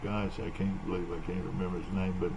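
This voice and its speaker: A man in his seventies hosting a casual interview on a live show, rambling and halting with plenty of fillers and restarts. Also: low-pitched, flat delivery, vocal fry, noisy background. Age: 70s. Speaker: talk show host.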